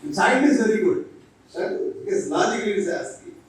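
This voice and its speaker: A man's voice: high-pitched, expressive, drawn-out words, a little hiss or hum. A man, a monk giving a humorous lecture to teachers, joking and acting out little dialogues. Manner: jokes and acts out little dialogues, switching between English and Tamil. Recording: echoey hall from far off.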